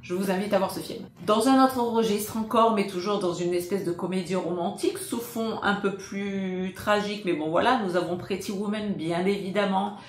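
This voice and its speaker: A woman casually recommending films she likes, hesitant and full of filler pauses but enthusiastic. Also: mid-range voice, roomy sound. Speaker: film recommender. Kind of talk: casual spoken film recommendations.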